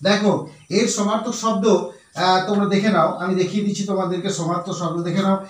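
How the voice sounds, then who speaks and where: A man's voice: high-pitched, steady tone, fast. A man with a Bengali accent teaching a vocabulary lesson, patiently repeating and spelling words letter by letter. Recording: echoey room, voice far from mic.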